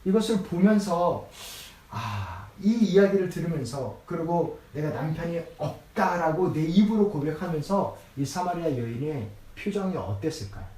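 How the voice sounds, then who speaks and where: A man's voice: a little high, very animated, normal speed, few pauses, dark tone. A man preaching a sermon as pastor, speaking in a conversational way and acting out scripture quotes. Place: church sanctuary. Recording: echoey church room, mic from a distance.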